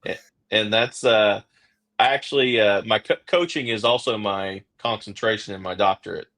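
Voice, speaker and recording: This podcast host, a man with an Oklahoma accent, chats loosely in an interview, rambling with lots of fillers and restarts. His voice sits on the low side, slightly bright, at a normal speed.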